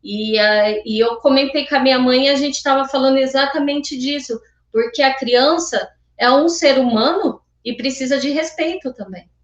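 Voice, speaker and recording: A woman with a fairly high voice shares a heartfelt story over a video call, slipping into the voices of the people she quotes. The sound is roomy and echoey. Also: normal speed, hardly any pauses, lo-fi sound. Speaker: church group member sharing. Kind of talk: casual testimony in an online meeting.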